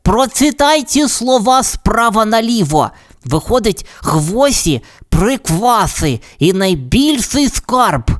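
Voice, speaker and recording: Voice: mid-range voice, sing-song, slow pace, voice pushed up. A storyteller voicing a clever little male canary with a burred, lisping way of talking. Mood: explaining. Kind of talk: storybook character voice.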